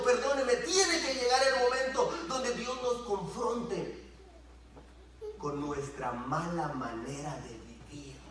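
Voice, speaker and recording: High-voiced preaching man in an echoey church. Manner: animated preaching, acting out dialogue with rising and falling voice. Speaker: pastor. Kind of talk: sermon. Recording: echoey church room, distant mic.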